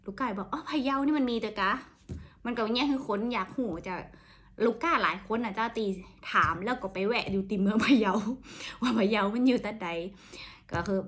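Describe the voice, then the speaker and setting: A woman with a Northern Thai accent chatting casually to camera as a vlogger, repeating words and dropping soft "mm" fillers. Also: a little high, moderate pace. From Northern Thailand.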